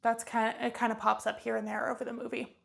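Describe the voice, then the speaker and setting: A woman's voice: fairly high pitch, little pitch movement, fast talker, creaky. A woman vlogger recapping a movie in a chatty, offhand way.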